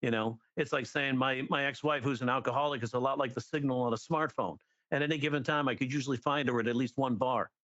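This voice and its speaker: A middle-aged man, a guest comedy writer and teacher, in casual podcast chat, lively and acting out jokes as he explains them. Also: medium pitch, fast talker, few pauses, no echo, highs cut off. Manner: animated, acts out jokes and quotes.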